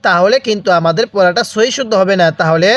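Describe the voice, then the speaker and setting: High-voiced teacher spelling out recitation. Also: male voice, fast, fairly bright tone, dry recording. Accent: Bangladeshi Bengali. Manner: spells letters and vowel marks one by one, has the viewer repeat along. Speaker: Quran reading teacher. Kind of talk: slow spelled-out recitation lesson.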